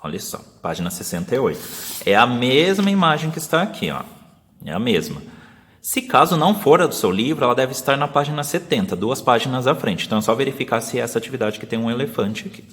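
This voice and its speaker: A man with a Brazilian Portuguese accent, a teacher explaining a lesson step by step and slowly sounding out syllables for young pupils. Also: medium pitch, very animated, fairly bright tone, big-room sound. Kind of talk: remote class video lesson.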